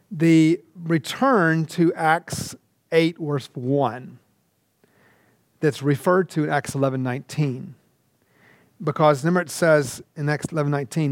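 Guy teaching a class, kinda high voice, tells stories, dry close sound. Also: dry recording. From Georgia, USA. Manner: animated storytelling with asides. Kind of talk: recorded lecture.

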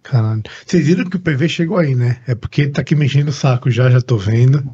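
A man's voice: medium pitch, fast, mellow, husky, highs cut off. A Brazilian man hosting a podcast in casual chat, blunt, slangy and given to swearing. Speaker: podcast host.

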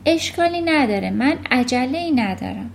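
A woman doing a gentle, kind teacher. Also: high-pitched, lively intonation, vocal fry, a little hiss or hum. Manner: gentle, patient.

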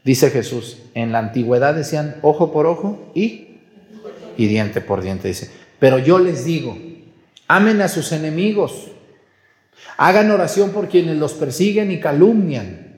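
Mexican priest preaching in an echoing church. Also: male voice, fairly high pitch, a little slow. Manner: conversational preaching with rhetorical questions; acts out quoted people in lively voices. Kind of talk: sermon at Mass. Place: large reverberant church. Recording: echoey church with long reverb.

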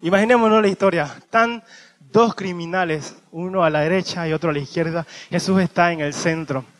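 A high-voiced man delivers a sermon in animated swings, acting out the thieves in slangy voices, then reading scripture slowly as his voice drops low.

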